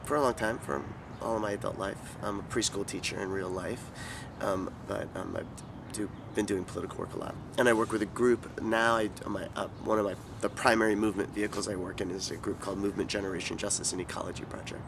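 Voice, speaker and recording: A man in his forties from California with a fairly low voice, answering interview questions thoughtfully and haltingly, stopping often to restart his sentences. He is recorded outdoors in a city, with clear street noise behind him. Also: fairly even intonation. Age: 40s. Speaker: interviewee, activist.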